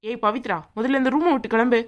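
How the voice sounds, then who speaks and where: A woman voicing a haughty young bride in a cartoon, sharp and sneering as she bosses others around. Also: a little high, fast, natural voice. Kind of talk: cartoon voice acting.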